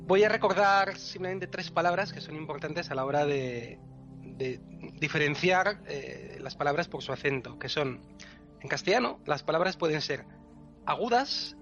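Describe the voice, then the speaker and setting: Guy explaining stuff patiently like a teacher, kinda high voice, dull lo-fi sound w faint music. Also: a bit bright. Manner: patient, teacherly, chuckles often. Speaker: language section guest. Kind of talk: explanatory podcast chat.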